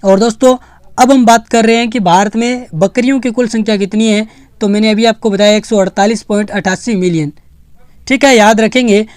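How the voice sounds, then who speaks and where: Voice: medium pitch, steady tone, brisk, darkish tone, no room sound, clean studio sound. A teacher from Rajasthan, giving an online exam-prep lecture. The teacher keeps calling the students friends and repeats the key facts for them to remember.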